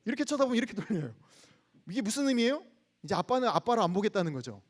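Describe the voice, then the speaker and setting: A man in his thirties preaching a sermon to a campus congregation. He leads the reading of scripture aloud and tells a personal story in a soft, hushed voice. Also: high-pitched, sing-song, racing.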